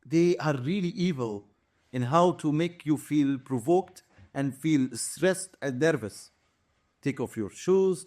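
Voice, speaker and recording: A man's voice: on the high side, darkish tone. A man in his forties with a Palestinian Arabic accent, whose first language is Arabic, giving earnest interview testimony as an activist, emphatic and listing his points one by one, often repeating words. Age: 40s.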